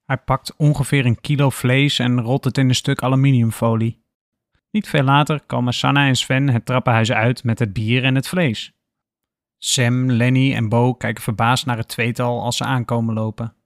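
A man reads a story aloud in a calm, even storytelling manner. His voice sits at a middle pitch for a man. The recording is dry, with no room sound. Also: moderate pace, no echo. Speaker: narrator. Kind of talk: scripted story narration.

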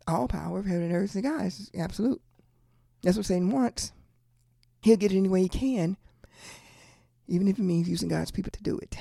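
A woman preaching a sermon, repeating her key lines slowly and calling out to the congregation. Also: fairly low pitch, vocal fry, mellow, dry recording, studio quality. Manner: calls out to the congregation.

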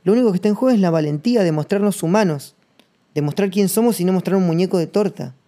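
A man with a Rioplatense Spanish accent hosting a reflective solo podcast monologue, rambling and slangy, thinking aloud with pauses. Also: high voice, dark tone. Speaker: podcast host.

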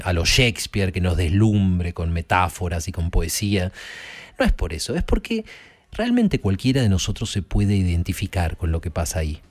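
Emphatic Argentine man, lively low voice. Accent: Argentine Spanish. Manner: conversational, emphatic, with many fillers and tag questions. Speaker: host discussing film and rock. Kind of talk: reflective spoken commentary to listeners.

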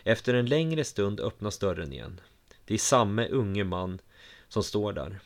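A man with a fairly low voice reads a first-person adventure story aloud. His delivery is calm and measured, at an even storytelling pace. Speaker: narrator. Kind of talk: first-person audiobook narration.

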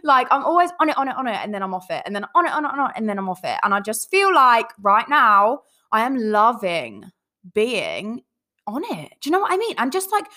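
A woman's voice: a little high, very animated, fairly quick, bright, forceful tone. A young woman hosting a podcast alone, chatting in a bubbly, rambling way with lots of fillers. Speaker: podcast host; online coach. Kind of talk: casual solo podcast chat.

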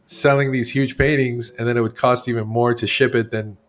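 A man's voice: medium pitch, fairly even intonation, brisk, slight background noise. A man in his forties, originally from Iran, talking as a guest artist in a casual interview, rambling and correcting himself as he goes. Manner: rambling, candid, self-correcting.

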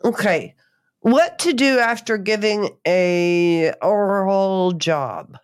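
A woman's voice: medium pitch, lively intonation, slow, smooth. A woman co-hosting a podcast, chatting in a playful, teasing way. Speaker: podcast co-host. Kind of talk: casual chat.

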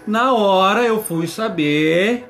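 A man in his thirties with a southern Brazilian accent talks casually as a radio co-host. His voice sits at a medium-high everyday pitch range for banter, and he often repeats short phrases as he tells stories. Music plays faintly behind him. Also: takes it slowly, fairly bright tone. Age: 30s. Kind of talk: casual chat and storytelling.

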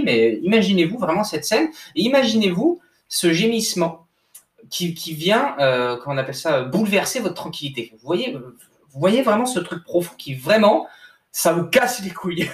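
Echoey casual French coach, slightly high voice. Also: male voice. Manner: informal, repetitive restarts, addresses listener as bro. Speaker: sports coach. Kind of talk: casual motivational talk. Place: at a desk indoors. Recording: echoey room, mic at a distance.

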